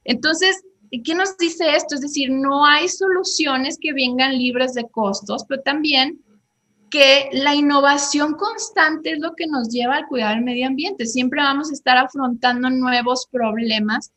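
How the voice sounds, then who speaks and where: A guest on an economics show, this woman has a high, bright, forceful voice and speaks a little slowly. She explains ideas at length in conversation, using examples and frequent "eh" fillers.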